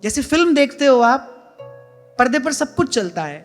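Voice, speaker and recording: A man's voice: very high voice, sing-song, normal speed, faint music behind. A man, a spiritual teacher, giving a devotional discourse in an earnest way. He repeats key phrases for emphasis and speaks to his listeners as brothers. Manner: addresses listeners directly as "brother". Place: ashram hall.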